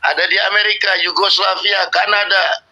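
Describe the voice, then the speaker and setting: A man arguing forcefully in a heated debate, hammering home his points by repeating them. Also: sits high, level tone, moderate pace, poor audio. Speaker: debate participant.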